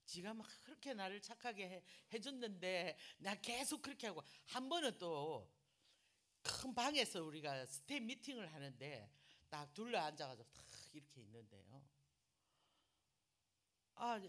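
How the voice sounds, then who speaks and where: A middle-aged woman pastor with a Gyeongsang accent, telling a story in a sermon. She is animated and swings from loud remarks to near-whispered asides. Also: fairly low pitch. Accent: Gyeongsang Korean.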